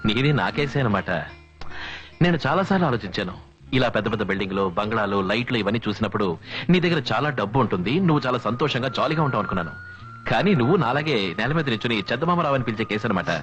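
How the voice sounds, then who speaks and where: A man's voice: mid-range voice, lively intonation, racing, a bit bright, soft background music, close to an everyday voice. A young man playing a cocky young hero who hesitates with fillers, on a dull film soundtrack. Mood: reflective. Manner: hesitant filler-heavy questioning.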